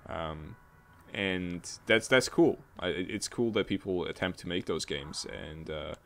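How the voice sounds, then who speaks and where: A man with a very low voice talks through his thoughts on a game in a loose, rambling way. He restarts his sentences often and sounds mildly exasperated. It is casual spoken commentary into a desktop mic. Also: unhurried, vocal fry. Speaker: game reviewer.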